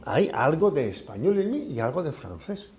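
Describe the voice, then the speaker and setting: Older basque guy, ex-professor, chatting on a podcast, lots of ums, very animated pitch. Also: normal speed. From Basque Country. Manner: hesitant, many fillers and restarts. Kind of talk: conversational podcast discussion.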